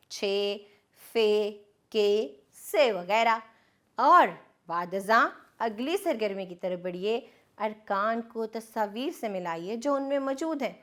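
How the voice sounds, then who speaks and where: A woman's voice: fairly high pitch, fairly bright tone. A woman teacher with a Pakistani Urdu accent, patiently leading a children's reading lesson and sounding out syllables in a coaxing tone. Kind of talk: slow, patient classroom instruction.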